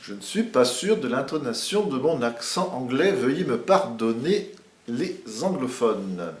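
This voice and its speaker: A man's voice: mid-range voice, big pitch swings, measured pace, echoey room. A man teaching violin, explaining patiently and step by step as he demonstrates. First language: French. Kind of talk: music lesson.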